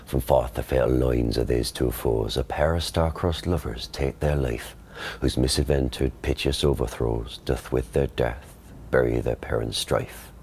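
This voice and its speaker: A man reciting Shakespearean English verse in a measured, declaimed way. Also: extremely low pitch, gravelly, darkish tone, slight background noise. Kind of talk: demonstrating Shakespeare verse in original and modern pronunciation.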